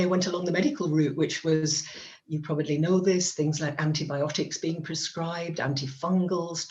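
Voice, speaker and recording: Lowish-voiced woman, slightly muffled. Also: darkish tone. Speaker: company founder being interviewed. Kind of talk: casual explanatory chat.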